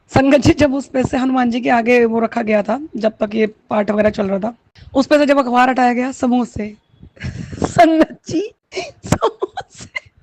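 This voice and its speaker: A woman's voice: a little high, a little mellow, slight background noise. Tearful woman sharing a devotional testimony. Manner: tearful, heartfelt, mixes Hindi with Punjabi and English words.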